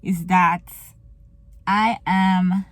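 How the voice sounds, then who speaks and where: A Jamaican woman from Kingston, a vlogger who also owns a small business, talks to her viewers from inside her car, laughing a lot and drifting into patois. Her voice sits on the low side with a steady tone and drawn-out words in this casual get-to-know-me chat.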